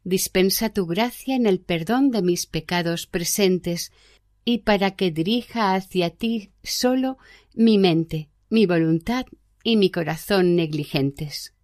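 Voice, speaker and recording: Slow, unhurried woman reading as a gentle old monk. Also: lowish voice. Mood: teaching. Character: learned old Greek monk, gentle teacher. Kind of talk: read-aloud spiritual book.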